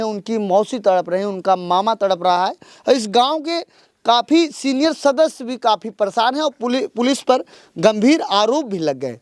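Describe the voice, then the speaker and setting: Casting male field reporter, high voice, dry close sound, pressing questions. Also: no echo. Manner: questioning, then urgent accusatory report. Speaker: local news reporter. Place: outdoors in a village.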